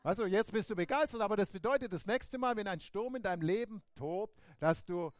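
A man's voice: high-pitched, a little fast, no echo. A man preaching a sermon emphatically, with rhetorical questions and frequent amens.

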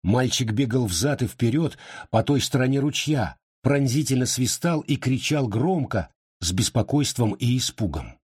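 A man reading a story aloud in a measured, expressive storytelling manner. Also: mid-range voice, breathy edge. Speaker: narrator. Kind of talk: scripted audiobook narration.

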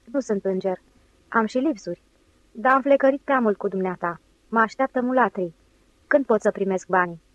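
A woman reading the lines of a cocky, smooth-talking male swindler in a glib, mocking way. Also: mid-range voice, long pauses, dry recording, lo-fi sound, close to an everyday voice.

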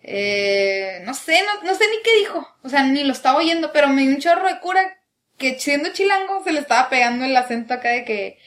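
A woman's voice: sits high, animated, a little fast, a bit bright. A young woman with a northern Mexican accent, co-hosting a casual podcast chat and telling stories, often mimicking other people's accents. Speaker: podcast co-host.

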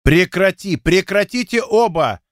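A man's voice: high-pitched, expressive, measured pace, no echo, clean studio sound, pitched above the performer's own voice. Man reading as Igor, a stern young pilot. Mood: commanding. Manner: firm, commanding.

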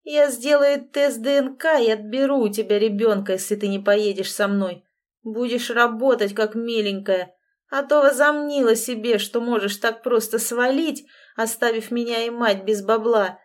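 A woman's voice: on the high side, moderate pace, lightly acted. A woman doing a coarse sneering young thug. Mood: spiteful. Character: crude scruffy young man, brash bully. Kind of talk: audiobook reading.

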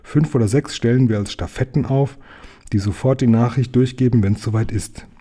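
A man's voice: mid-range voice, mellow, slightly rough, natural voice. A man voicing a clever, bespectacled boy who plans things earnestly, in a storybook reading. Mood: eager. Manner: measured, earnest.

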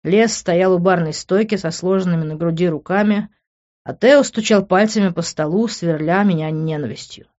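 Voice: medium pitch, normal speed, a little mellow, muffled recording. A reader narrating a first-person novel with tense, driving delivery. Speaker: audiobook reader.

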